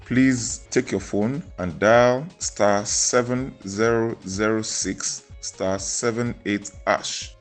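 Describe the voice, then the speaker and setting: A Nigerian man, a doctor, explaining public health advice to listeners. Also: on the low side.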